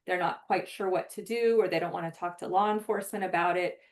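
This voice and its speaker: A woman presenting for a forensic database program gives a webinar in an earnest, explanatory, conversational way, with many "um" fillers. Her fairly low voice keeps a steady tone at a quick pace.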